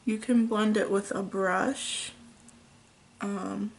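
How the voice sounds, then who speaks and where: A young woman at home, chatting through a makeup tutorial in a casual, unhurried way with frequent ums. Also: medium pitch, steady tone, gravelly. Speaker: beauty vlogger.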